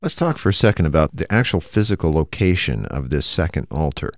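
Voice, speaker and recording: Male co-host, low voice, animated intonation, thoughtful explainer. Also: dry recording, clean studio sound. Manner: thoughtful, explanatory, with filler pauses. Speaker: radio show co-host. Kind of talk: conversational Bible discussion.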